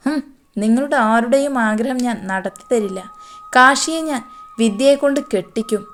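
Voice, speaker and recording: A scornful, scheming middle-aged stepmother, as a woman storyteller puts her on, barking orders in a harsh and bossy way. The voice sits a little high, and soft music plays behind it in this audio story. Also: moderate pace, natural voice.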